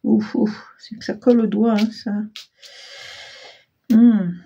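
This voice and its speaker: A woman talks her viewers through a card-making project in an easygoing, self-mocking way, with lots of fillers. Her voice is husky and sits at a middle pitch. She keeps clearing a frog from her throat. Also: steady tone, takes it slowly, warm tone, highs cut off. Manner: chatty, self-deprecating, hesitant with many fillers. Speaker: crafting channel host. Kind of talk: casual crafting tutorial talk.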